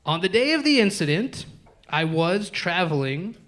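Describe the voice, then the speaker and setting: Lively high-voiced stand-up comic. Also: male voice, moderate pace. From United States. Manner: profane, addresses the crowd as folks. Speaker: stand-up comedian. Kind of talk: live stand-up set. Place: comedy club stage.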